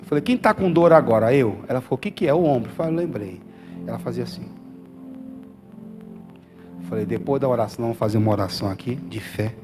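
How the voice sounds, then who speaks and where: Fervent male pastor preaching. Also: fairly low pitch. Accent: Brazilian Portuguese. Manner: fervent, swings from quiet to loud calls; calls for amens from congregation. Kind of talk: sermon. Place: church hall.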